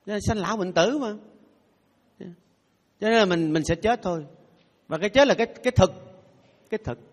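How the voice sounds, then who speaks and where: A man's voice: high voice, expressive, normal speed. A Buddhist monk giving a playful, humorous dharma talk, leading his audience in call-and-response chanting. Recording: long hall reverb.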